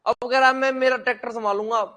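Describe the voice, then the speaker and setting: A man's voice: very high-pitched, steady tone, quick pace, pushed and bright. A young man teaching a classroom lecture, blunt and joking, who asks his students questions and then answers them himself.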